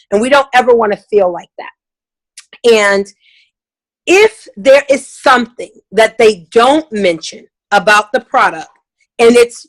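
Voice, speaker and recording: A woman's voice: a little high, low-quality recording. A middle-aged woman giving a casual, emphatic talk as a sales trainer, now and then acting out customer voices.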